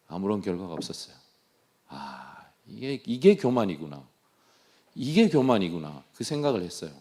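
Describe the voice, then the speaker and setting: A man from Daegu, South Korea, with a Gyeongsang accent, speaks in a lowish, darkish voice with a breathy edge. He is a missionary giving an earnest, self-deprecating testimony during a sermon, often repeating his phrases.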